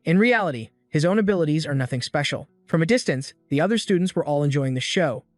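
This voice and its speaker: A man narrating a scripted story recap in a steady storytelling read. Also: fairly high pitch, quick pace, no room sound, faint music behind.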